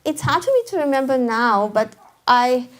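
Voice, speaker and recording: An author guest with a Russian accent speaks at a live talk in an event hall before an audience. Her voice sits high and sounds animated at a normal speed, and she is hesitant, often restarting with little laughs.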